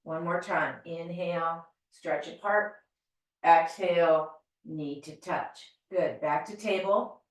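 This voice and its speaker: A middle-aged American woman leading a yoga class, calmly and gently cueing breath and movement. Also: on the low side, slow. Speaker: yoga teacher. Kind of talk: guided yoga class instruction. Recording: very echoey room, voice from far off.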